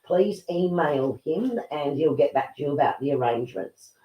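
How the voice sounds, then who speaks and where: A woman's voice: low voice, expressive, moderate pace, mellow. A woman co-hosting a livestream over a video call, reading out viewers' messages and adding encouraging advice. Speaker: livestream co-host. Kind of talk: casual livestream chat. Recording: echoey room.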